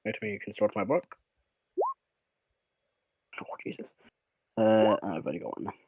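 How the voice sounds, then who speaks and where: A man's voice: fairly low pitch, a little slow, darkish tone, husky, no echo, highs cut off. A man running a tabletop game as game master, narrating casually and hesitantly, with some swearing.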